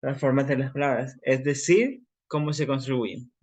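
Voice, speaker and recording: A man's voice: mid-range voice, moderate pace, darkish tone. Ecuadorian man giving a class talk. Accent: Ecuadorian Spanish. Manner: informal, explains with everyday examples and fillers. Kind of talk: class presentation.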